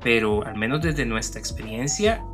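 A man's voice: mid-range voice, big pitch swings, normal speed, music in the background. A young man with a Costa Rican accent chatting casually as a podcast co-host, dropping English words into his Spanish. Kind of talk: casual personal conversation.

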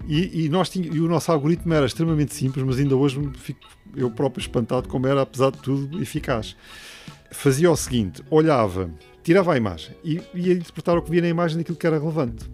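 A man's voice: fairly high pitch, quick pace, darkish tone, soft background music. A middle-aged man with a European Portuguese accent explains things step by step in an interview, hesitating and adding tag questions. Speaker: robotics professor, interviewee.

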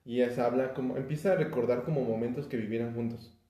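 Talking fast in a warm, medium-pitched voice with fairly even intonation, a young Mexican man chats about an album for a casual music podcast. He hesitates a lot, using fillers and restarting sentences, in an echoey room.

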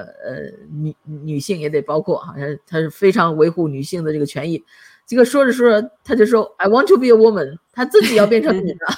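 A woman hosting a podcast in casual chat, chatty and laughing often. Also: medium pitch. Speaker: podcast host.

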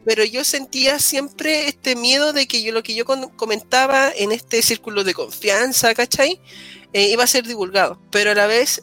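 Young Chilean woman co-host, bright tone, loose rambling chat full of slang. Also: fairly high pitch. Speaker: podcast co-host. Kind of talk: casual chat.

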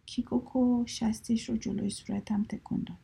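A woman reading a story aloud in a soft whisper. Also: fairly high pitch, fairly even intonation, vocal fry, slightly rough.

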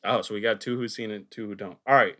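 A young man hosts a loose podcast chat, rambling on with eager energy and laughing between his thoughts. His voice has a bright, forward edge. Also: on the low side, steady tone, fast. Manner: laughs often, rambling and enthusiastic. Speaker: podcast host. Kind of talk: casual podcast banter.

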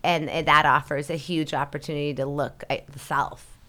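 A woman in casual spiritual chat, animated and laughing easily as she talks. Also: deep voice, normal speed.

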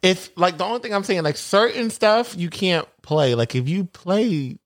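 High, lively, swearing podcast co-host man. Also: normal speed. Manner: expressive, swears freely, laughs mid-sentence. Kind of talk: casual chat.

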